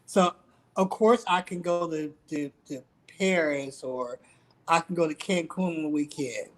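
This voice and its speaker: A man with a slightly high voice speaks as a guest on a panel discussion. He explains his view in a calm, measured way and backs it up with examples. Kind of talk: casual panel talk.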